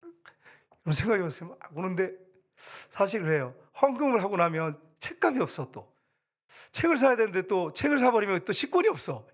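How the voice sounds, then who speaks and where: A middle-aged pastor with a slightly high voice preaches a sermon in a church sanctuary, telling loose, chatty stories and acting out the voices of the people in them. His fairly quick delivery has big pitch swings, shifting between loud appeals to the congregation and quiet storytelling.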